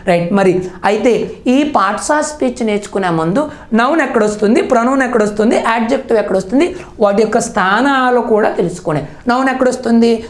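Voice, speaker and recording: A woman teacher with a Telangana Telugu accent runs an exam-prep grammar class. She fires questions at the listeners, answers them herself and keeps checking that they follow. Her voice sits in a mid range and carries a roomy, echoing sound. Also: medium pitch. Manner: quizzing, answers own questions, checks with "okay?".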